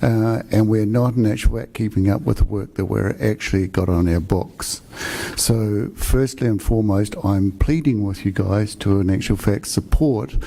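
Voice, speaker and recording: A man's voice: fairly low pitch, moderate pace, gravelly, mellow. An older man with a New Zealand accent presenting to a city budget committee in a rambling, self-deprecating way, speaking into a desk microphone in a meeting room. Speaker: asset management coordinator.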